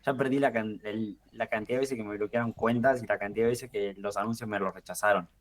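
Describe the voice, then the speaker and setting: Young Argentine man, lowish voice. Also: fast talker, slight background noise. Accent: Rioplatense Argentine. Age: 20s. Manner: relaxed, thinks aloud with fillers and restarts. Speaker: guest marketing expert. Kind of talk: podcast interview.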